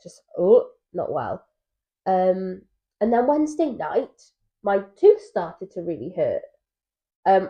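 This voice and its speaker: A young woman in her twenties co-hosting a couples podcast, chatting casually and telling stories with animated asides. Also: mid-range voice. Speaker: podcast co-host. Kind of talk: casual chat. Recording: dull lo-fi mic sound.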